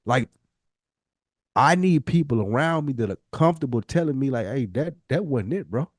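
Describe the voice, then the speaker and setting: An American man hosts a podcast, chatting casually and reflectively with a co-host in an earnest, rambling, emphatic style full of slang and swearing. His mid-range voice has lively intonation and a moderate pace, recorded dry with studio quality.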